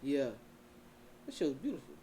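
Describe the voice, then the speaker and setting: A young man co-hosting a podcast, chatting casually in animated slang and talking over his co-host. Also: medium pitch, moderate pace. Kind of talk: casual chat.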